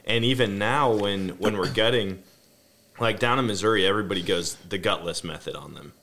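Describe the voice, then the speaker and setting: A man's voice: on the low side, a little fast, a bit bright. A man talking casually with family, easygoing and reflective. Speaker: family guest. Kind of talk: casual chat.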